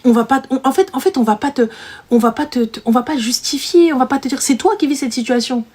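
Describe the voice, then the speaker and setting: A woman's voice: high voice, quick pace, darkish tone, slightly rough. Blunt, teasing woman giving advice. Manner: blunt, teasing, says "ma chérie" often, mixes in Arabic words. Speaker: host giving advice to a caller. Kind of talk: live advice chat.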